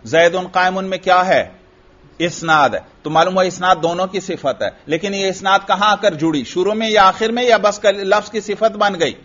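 A man with a high voice teaches a grammar lesson, putting questions to the class and answering them himself. He goes back over each point patiently. The recording is dull and lo-fi. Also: normal speed, a bit bright. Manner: repeats points for students. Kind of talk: Arabic grammar lesson in Urdu.

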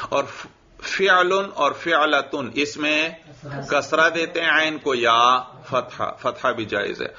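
A man with a fairly high, bright voice teaches slowly from a classroom text, reading a line, explaining it, then quizzing students. The lo-fi recording is dull, with a little hiss or hum.

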